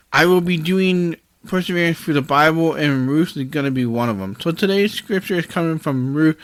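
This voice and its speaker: A man's voice: on the high side, fairly bright tone, no echo. A man hosting a podcast, sharing faith-based personal reflections in an earnest, openly emotional, preacher-like way. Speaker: podcast host.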